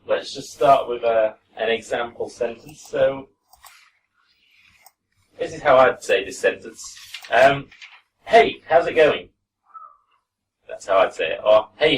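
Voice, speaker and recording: Man, classroom pronunciation teacher, chatty with fillers, heard from across the room, light hiss. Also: mid-range voice. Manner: relaxed, many fillers, demonstrates words slowly. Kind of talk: classroom lesson. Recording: distant mic with faint room noise.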